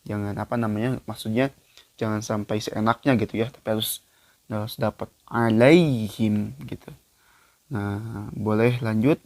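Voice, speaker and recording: A man teaching Quran recitation in a casual spoken lesson. He explains loosely with many fillers, then chants the verses slowly and louder. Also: on the low side, fairly even intonation, no room sound.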